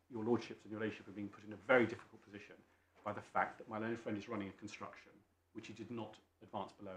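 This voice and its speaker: A British man making formal legal submissions as a barrister, deferential and learned, often halting and repeating his phrases. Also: lowish voice, sharp tone. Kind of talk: formal courtroom legal argument. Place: indoor courtroom. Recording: echoey courtroom with faint background noise.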